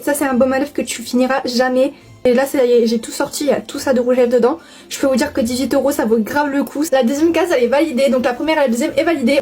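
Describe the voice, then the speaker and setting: A woman's voice: sits high, darkish tone. A young woman chatting casually as she opens an advent calendar, chatty and gushing with many fillers. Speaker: beauty vlogger. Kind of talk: casual unboxing chat.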